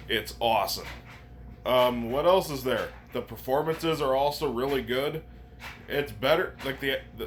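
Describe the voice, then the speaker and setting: Man, movie reviewer, mid-pitched voice, enthusiastic, casually sweary, noisy recording. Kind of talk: casual film review to camera. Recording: noticeable background noise.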